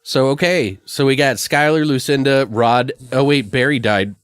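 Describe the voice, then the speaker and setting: A podcast co-host, male, improvises a made-up slasher story for laughs, rambling and swearing casually as he brainstorms. His voice sits at medium pitch with a moderate pace and a fairly bright, smooth tone. The recording is studio quality with no room sound.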